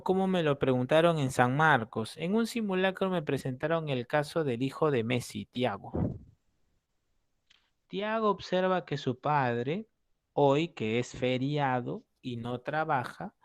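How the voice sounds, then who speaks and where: A man teaching an entrance-exam prep class, walking through concepts with acted-out examples. His voice sits fairly high and he keeps checking in with listeners as he explains. The recording is dry and close, with no room sound. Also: animated, unhurried, dry recording.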